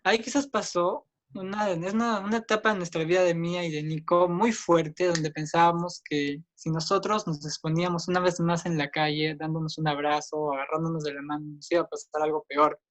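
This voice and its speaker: A man's voice: level tone, brisk, hardly any pauses, fairly bright tone. Earnest young Peruvian man recounting. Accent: Peruvian Spanish. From Peru. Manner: earnest, acts out others' lines with raised pitch. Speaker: interviewee. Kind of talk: personal storytelling in an interview.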